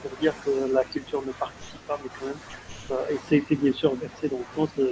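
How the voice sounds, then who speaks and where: A man moderating an online panel discussion over a video call, speaking in a halting conversational way full of fillers and repeated words. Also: mid-range voice, level tone. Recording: dull lo-fi video call audio with faint noise.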